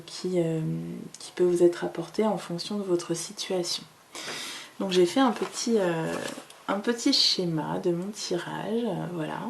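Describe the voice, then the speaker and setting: A woman giving a card-reading guidance in a calm, hesitant way, with many fillers, seated at a table with her cards. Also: lowish voice, creaky, slight background noise. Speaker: tarot reader.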